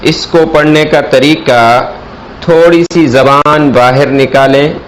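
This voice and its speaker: A man's voice: mid-range voice, steady tone, a little hiss or hum, rough recording. A man teaching an alphabet reading lesson, explaining each letter and stretching the sounds out carefully. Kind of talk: slow instructional alphabet lesson.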